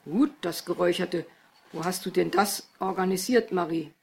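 Lady reader doing loud bossy dad, gruff, scolding, storybook. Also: medium pitch, moderate pace, natural voice. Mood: grudging. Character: gruff, domineering heavyset father.

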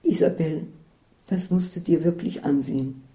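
Woman reading a level-headed traveler, patient and down to earth, with a dark tone. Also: sits low, normal speed, close to an everyday voice, low-quality recording. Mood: enthusiastic. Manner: patient and matter-of-fact. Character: calm, capable woman, enthusiastic traveler.

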